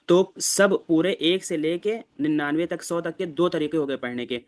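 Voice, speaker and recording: A man, teaching a class and explaining step by step with patience. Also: on the high side. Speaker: Arabic teacher. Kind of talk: classroom lesson.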